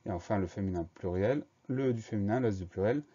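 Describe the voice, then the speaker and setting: A man's voice: fairly low pitch, fast talker, warm tone, dull audio. A male teacher giving a spelling lesson for schoolchildren, patiently spelling each word out letter by letter.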